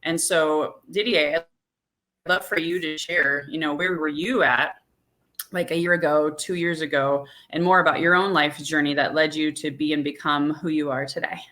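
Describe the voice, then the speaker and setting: A woman's voice: low-pitched, fairly even intonation, moderate pace, fairly bright tone. A woman hosting a podcast, telling her story in an earnest, reflective way. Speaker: podcast host. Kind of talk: casual conversation.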